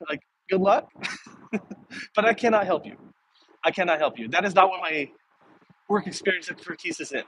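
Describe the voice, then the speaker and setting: A man's voice: a little high, fairly bright tone, rough recording. A middle-aged American man chatting casually and easygoing on a live stream while walking, answering viewer comments. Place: outdoors on city streets, walking. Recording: outdoor background noise while walking. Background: outdoor ambient noise.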